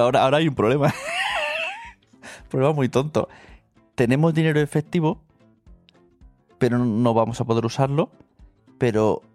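A man's voice: mid-range voice, a little mellow, no room sound. A man from Spain co-hosting a podcast, chatting casually with wry jokes. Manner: joking, wry asides. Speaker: podcast co-host. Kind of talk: casual chat.

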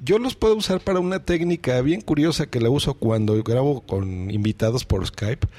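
A man's voice: mid-range voice, animated, normal speed, a little mellow. A man and podcaster explaining audio gear step by step in a casual tutorial, speaking to viewers from his home mixing desk. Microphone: studio microphone through a mixing desk.

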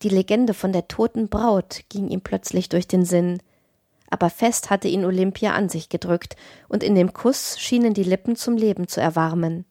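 A woman narrating a classic tale as an audiobook reader, in a measured, expressive reading. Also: mid-range voice, no room sound, studio quality.

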